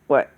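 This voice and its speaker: Sighing and meandering, a vlogger in her late fifties delivers a rambling, casual monologue peppered with "okay?" and "all right?" Her voice is a bit bright, and the recording is dry.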